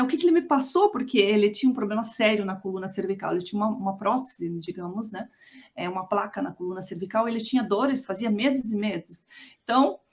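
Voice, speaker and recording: A woman's voice: medium pitch, darkish tone. A Brazilian woman telling her own life story in a rambling way, with many tag questions and restarts. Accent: Brazilian Portuguese. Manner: rambling, frequent "né?" tags and restarts. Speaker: storyteller recounting her past. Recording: slightly muffled lo-fi recording.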